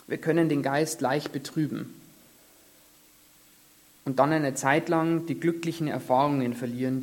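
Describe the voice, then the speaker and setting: A man's voice: mid-range voice, a little mellow. A man preaching an earnest sermon, reading a Bible passage aloud with emphasis and then explaining it. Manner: earnest, devout, reads scripture aloud with emphasis.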